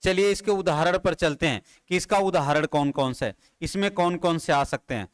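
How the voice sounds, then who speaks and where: Guy teaching grammar, asks then answers himself, kinda high clear voice. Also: normal speed. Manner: repeats key terms as questions and answers them himself; addresses students familiarly, drilling terms. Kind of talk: classroom lecture at a board. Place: classroom with a board.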